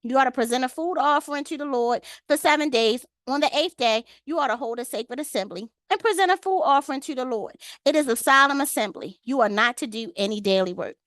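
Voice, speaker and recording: A woman's voice: high-pitched, a little fast, few pauses, a bit bright, dry recording. A woman leading an online Bible study on a video call. She reads scripture aloud, then talks with the group and calls on them by name.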